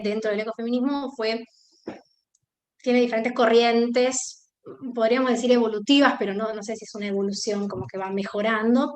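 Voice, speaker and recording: A woman's voice: fairly high pitch, darkish tone, reverberant. A woman with an Argentine Spanish accent giving a class lecture, thinking aloud with many fillers and restarts.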